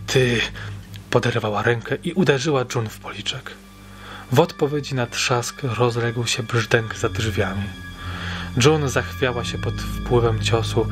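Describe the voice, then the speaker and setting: A man reading a story aloud in a steady, measured way, as an audiobook narrator. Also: medium pitch.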